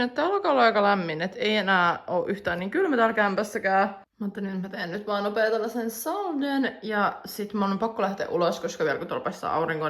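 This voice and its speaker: A young woman in her twenties, casually vlogging to a phone camera at home, chatty and upbeat with lots of fillers. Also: mid-range voice. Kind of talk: casual vlog chat to camera. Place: at home, indoors.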